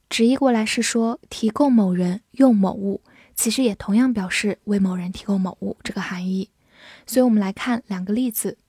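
Mellow woman teaching English words. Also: mid-range voice, breathy edge, no room sound, studio quality. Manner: spells words letter by letter, reads examples slowly. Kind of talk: vocabulary lesson with slow read-alongs.

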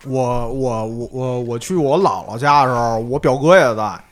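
A man with a Beijing accent chatting casually as a podcast co-host, telling childhood stories in an animated way and swearing freely. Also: mid-range voice, normal speed.

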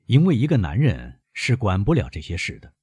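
A man's voice: fairly low pitch, huge pitch swings, brisk, darkish tone, slightly rough, no echo, heavily acted. A man reading an audiobook, voicing a suave male count who talks in a courteous, probing way.

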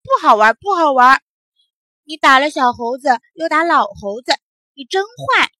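A crowd of small children from a children's storybook, as a woman puts them on tells off a naughty boy. The voice is bright and high, chanting in a reproachful singsong. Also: expressive, normal speed, dry recording. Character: chorus of young children, disapproving.

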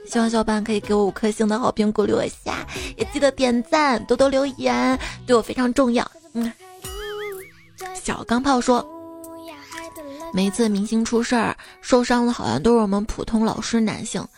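A young woman hosts a light comedy podcast, reading listener jokes aloud in a lively, casual voice that sits a bit high for a woman. She often laughs at her own material, and soft music runs behind her.

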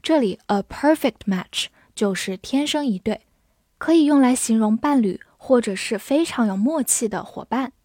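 Woman teaching English vocabulary, slightly high voice. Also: lively intonation, mellow, no room sound, studio quality. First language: Chinese. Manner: spells words letter by letter and reads example sentences slowly. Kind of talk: scripted vocabulary lesson.

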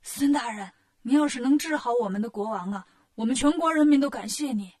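A woman's voice: fairly high pitch, a little fast, darkish tone, slightly rough. A woman voicing anxious male palace soldiers in a storybook tale, urgent and pleading.

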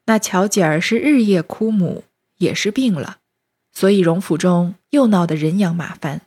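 A woman narrating a classic novel as a storyteller, with a steady retelling that lightly acts out the speech. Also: lowish voice, moderate pace, husky.

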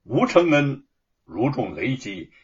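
Slow, husky male storyteller. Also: mid-range voice, recorded from a distance. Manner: measured, expressive. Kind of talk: scripted story narration. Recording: dull lo-fi recording.

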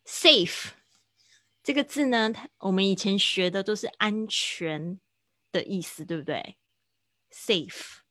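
A woman teaching English vocabulary in Mandarin on a livestream, explaining slowly and repeating words for drill. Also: mid-range voice, lively intonation, a bit bright, dry recording. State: hiccuping.

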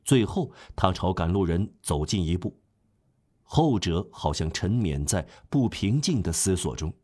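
A man narrating a classic novel as an audiobook in a steady, measured storytelling manner. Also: sits low, breathy edge.

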